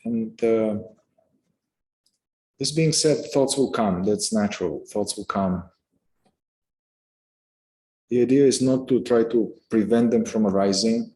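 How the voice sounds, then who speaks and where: A male meditation guide with a lower-pitched voice gives unscripted instruction, calm and unhurried, leaving space between phrases.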